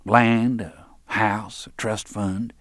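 A man's voice: on the low side, little pitch movement, extremely slow, a bit bright, dry recording, studio quality. A man voicing a crude, boastful middle-aged swamp guide with a drawl and profane talk.

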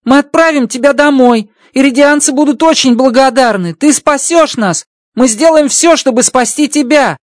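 A high, squeaky male alien engineer, bursting with eager energy and mangling his grammar. The audiobook recording is dry and close, with no room sound. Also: normal speed, few pauses, no echo. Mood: pleading, upset. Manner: broken grammar, tags questions with a spoken word. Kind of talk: audiobook character voice.

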